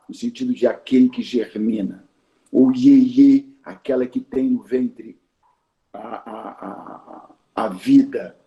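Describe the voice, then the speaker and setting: A man with a Brazilian Portuguese accent teaching in a conversational lecture, explaining slowly and repeating key words, often adding "né?". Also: mid-range voice, dark tone. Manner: slow, explanatory, repeats and spells out words, frequent "né?". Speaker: Yoruba culture teacher and Awo Olorixá. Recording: dull roomy recording.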